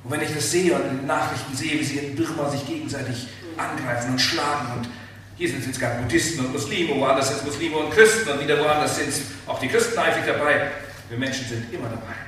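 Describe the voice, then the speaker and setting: A man preaching a sermon, emphatic and animated, asking the listeners rhetorical questions. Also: medium pitch, quick pace, distant mic. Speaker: pastor. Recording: very echoey hall, speaker off-mic, faint room noise.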